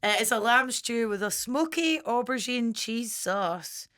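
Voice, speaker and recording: A woman's voice: fairly high pitch, lively intonation, measured pace, fairly bright tone. A woman hosting a casual food chat, teasing and giggling as she reads out dish names. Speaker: host.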